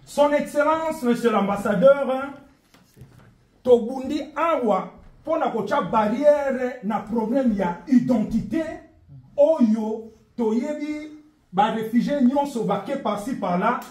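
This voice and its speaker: Slow, high-voiced man. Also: darkish tone. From DR Congo. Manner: earnest, formal, code-switching. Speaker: community member. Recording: echoey room, distant mic.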